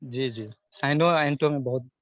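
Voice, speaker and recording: A muffled recording with no echo captures a young man's mid-range, slightly bright voice at a moderate pace. Interviewed casually as a student guest, he earnestly offers advice, frequently circling back over himself as he names topics.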